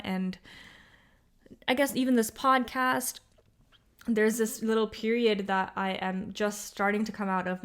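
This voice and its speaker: A woman's voice: mid-range voice, smooth. A young woman hosting her own podcast, talking casually and rambling with many fillers, a little tired. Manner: rambling, upbeat, lots of fillers. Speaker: podcast host. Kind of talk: casual solo podcast monologue.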